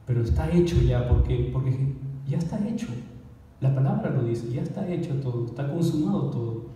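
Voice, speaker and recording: Man, pastor, conversational sermon, very dark mellow tone, distant mic, roomy echo. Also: medium pitch, animated, fairly quick, slight background noise. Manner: conversational preaching with rhetorical questions to the congregation. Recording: echoey hall, voice from afar.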